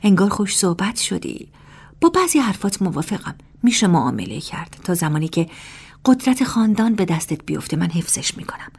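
A woman playing a breathy, cool young general. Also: lowish voice, very animated, a little mellow, full character voice.

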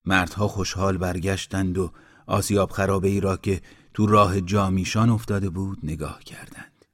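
A man narrating a storybook in a steady, measured reading voice. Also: sits low, dry recording, studio quality.

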